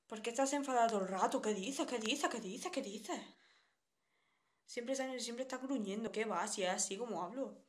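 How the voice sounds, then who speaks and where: A young woman from Spain, speaking with a Spanish accent in a slightly high voice at normal speed, chats bluntly with her live-stream viewers and reads their comments aloud.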